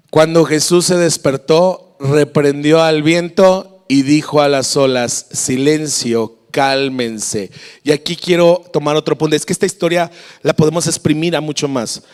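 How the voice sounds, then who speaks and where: A Mexican man preaching a lively, story-filled sermon as pastor, with a Mexican Spanish accent, in a church. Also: a little high, normal speed, smooth, long reverb tail. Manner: lively, storytelling, acts out voices.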